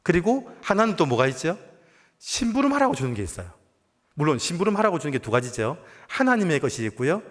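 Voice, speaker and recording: Lively male pastor in reverberant church. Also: fairly high pitch, fairly quick. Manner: conversational, asks the congregation questions. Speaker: guest pastor. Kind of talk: sermon with storytelling. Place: church sanctuary.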